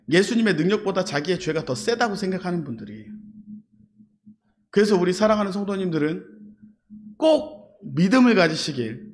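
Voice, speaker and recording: A pastor delivers a Sunday sermon in a church sanctuary with a notably high-pitched male voice. He keeps asking his listeners questions and answering them himself, and he slips into the voices of the people he quotes. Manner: preaching with call-and-response questions and dramatized quotes.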